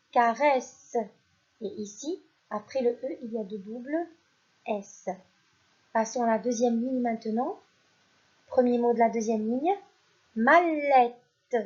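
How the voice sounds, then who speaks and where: Slow, husky-voiced woman teaching phonics. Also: fairly high pitch, highs cut off. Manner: slow and deliberate, repeats each word and stresses it louder; addresses pupils directly, praising them. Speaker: primary school teacher. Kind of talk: recorded French phonics lesson.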